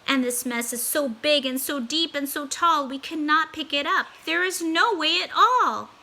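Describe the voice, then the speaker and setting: Woman voicing an anxious, high-pitched scolding little fish. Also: normal speed, sharp tone. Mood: worried. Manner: urgent, exclaiming, repetitive. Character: anxious scolding pet fish, panicked and fussy. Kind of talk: children's storybook read-aloud.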